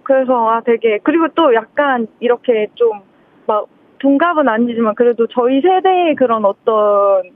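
High-voiced shy woman in her 30s, tinny phone line, dry sound, giggly. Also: lively intonation, normal speed, dry recording. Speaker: caller. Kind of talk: casual radio phone-in chat. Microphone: phone call from a moving car.

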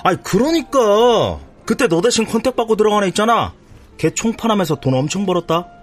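A chummy, coaxing young recruiter. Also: male voice, sits high, expressive, a little fast, faint music behind. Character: smooth-talking young recruiter, friendly older-brother act. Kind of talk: TV drama acting.

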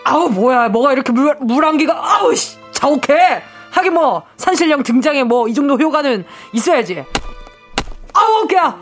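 A woman voicing a greedy, nagging peasant wife who talks fast and exclaims a lot. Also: high-pitched, lively intonation, faint music behind.

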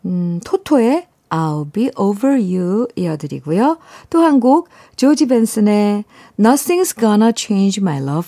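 A middle-aged woman hosts a radio show, her voice mellow and soft-edged. She reads listener letters and chats about them with playful teasing and easy laughter, close on a dry studio mic with no room sound. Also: medium pitch, dry recording. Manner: warm chatty, laughs often, teasing asides. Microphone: studio microphone.

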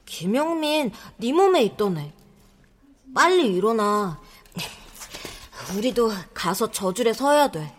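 A woman voicing the ghost of a young child in an audio drama, pleading urgently or speaking in a hushed, low tone. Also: very animated, slow pace, long pauses, exaggerated voice.

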